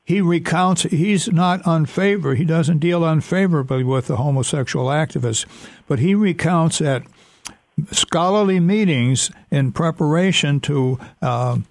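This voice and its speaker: A man as a talk-show guest, explaining in a measured, slightly halting way. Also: fairly high pitch, no echo.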